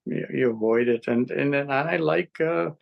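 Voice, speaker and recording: Older man in his 70s, gravelly, halting interview talk, many restarts. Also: medium pitch, muffled recording. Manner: rambling, halting, with frequent restarts and chuckles. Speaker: interviewee giving a testimonial. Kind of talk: casual interview answers.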